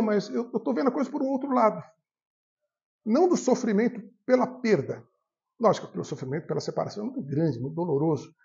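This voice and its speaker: A man's voice: high voice, vocal fry, a little mellow, muffled recording. A man giving a spiritist talk from the tribune, telling stories and acting out the voices in dialogues. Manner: storytelling, acts out the voices in dialogues. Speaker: spiritist lecturer. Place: spiritist center hall.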